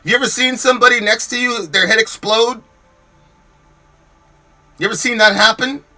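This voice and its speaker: Heated and emphatic, an American podcast host picks apart chat comments with rhetorical questions, repeating words and restarting as his temper rises. His very high voice has a sharp, steady tone at a normal speed.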